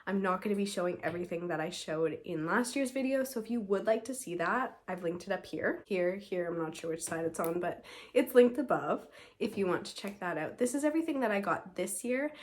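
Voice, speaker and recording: A woman's voice: mid-range voice, expressive, a little fast. Congested young woman YouTuber, stuffy-nosed and sore-throated, gushy and chatty, lots of "like.". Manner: gushing, enthusiastic, says "like" often. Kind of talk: casual vlog chat. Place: at home.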